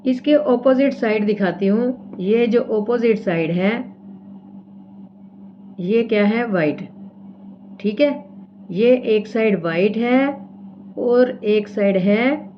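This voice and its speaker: An Indian woman teaches acupressure in a casual demonstration lesson, explaining each step as she shows it and often checking in with viewers, repeating "theek hai" frequently. Her voice is a little high and slow-paced with frequent pauses. The sound is lo-fi with slight background noise.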